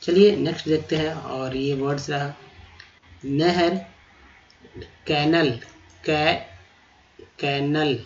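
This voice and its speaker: Slow, patient male English tutor. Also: a little high, steady tone, highs cut off. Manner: slow, drawn-out repetition of each word. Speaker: English vocabulary teacher. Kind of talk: spelling and pronunciation lesson.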